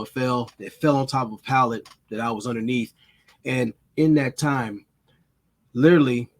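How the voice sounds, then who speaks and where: A man vlogging in a casual storytelling monologue, blunt and profane, with dramatic pauses. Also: mid-range voice.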